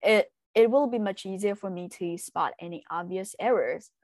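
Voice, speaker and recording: This Chinese-accented young woman, a translation student from China, answers casual interview questions as a guest. Her mid-range voice has a darkish tone, captured in a dry, close recording, and she sounds hesitant, pausing often and using many fillers.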